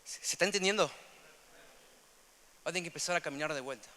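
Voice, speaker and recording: Young man, Rioplatense accent, preaching; high, sharp voice with a long reverb tail. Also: moderate pace. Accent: Rioplatense Spanish. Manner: earnest, repetitive, swings between loud emphasis and soft asides. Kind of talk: sermon.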